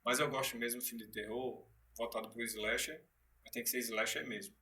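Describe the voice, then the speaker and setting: A man's voice: mid-range voice, level tone, fairly quick, sharp tone. A man being interviewed as a guest actor, telling stories animatedly in casual chat with frequent restarts. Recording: distant from the mic.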